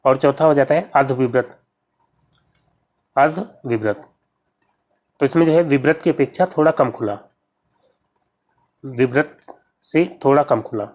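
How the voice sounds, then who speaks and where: Man, exam tutor, mid pitch, repetitive step-by-step explanations. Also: measured pace, long pauses, darkish tone. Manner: repetitive, addresses viewers as friends. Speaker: exam prep teacher. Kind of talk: explaining quiz answers.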